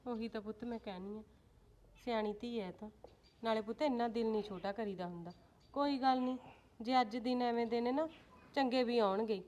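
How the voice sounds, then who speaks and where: A woman plays a middle-aged Punjabi mother-in-law, firm with one daughter-in-law and soothing with the other, in a motherly manner. Her voice sits high. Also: brisk, a little mellow, close to an everyday voice. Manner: scolding, then soothing and motherly. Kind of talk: Punjabi short-film acting.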